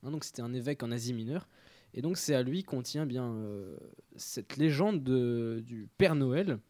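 A man's voice: mid-range voice, animated, normal speed, darkish tone, dry recording. A young man presenting a radio column in casual talk, hesitant and full of fillers.

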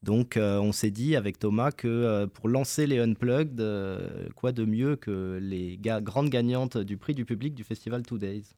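A man's voice: lowish voice, a little slow, few pauses, warm tone, dry recording, clean studio sound. A man, a guest on a local radio show, explaining an event at a casual pace with many fillers. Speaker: guest, cultural center organizer.

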